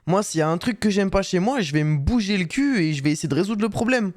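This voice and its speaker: A man with a slightly high voice riffing over a video he is reacting to. His talk is slangy, jokey and animated, tossing out asides to his viewers. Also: fast. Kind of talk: casual reaction chat.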